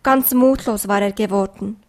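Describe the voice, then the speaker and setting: A woman calmly narrating a children's story. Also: medium pitch, moderate pace.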